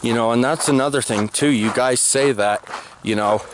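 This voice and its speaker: A man's voice: mid-range voice, normal speed, background noise. A young man vlogging outdoors on a walk, talking bluntly and insistently, repeating his points. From United States. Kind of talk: opinionated monologue on a walk. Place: outdoors under open sky. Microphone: handheld camera held low at arm's length.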